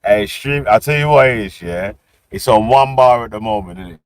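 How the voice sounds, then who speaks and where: A man's voice: on the low side, animated, normal speed, smooth, no echo, clean studio sound. A man with a London roadman street accent, chatting casually on a livestream with lots of slang and tag questions. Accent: London, street roadman style. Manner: slangy, repetitive, punctuated with "yeah?" and "innit". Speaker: livestream host. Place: outdoors on city streets while streaming.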